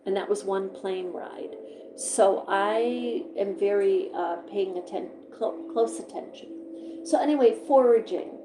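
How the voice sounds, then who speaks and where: A woman's voice: medium pitch, unhurried, echoey room, noisy background. A woman live-streaming about her pet finches, chatting casually and rambling as she reads notes aloud and comments on them. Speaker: pet bird vlogger. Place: indoor room beside a birdcage.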